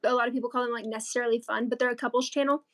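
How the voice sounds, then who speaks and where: A woman's voice: fairly high pitch, steady tone, very fast, fairly bright tone. A teenage girl co-hosting a crafting livestream, chatting casually and rambling with lots of fillers. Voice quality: chatty, rambling with many likes and ums. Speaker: co-host of a crochet livestream.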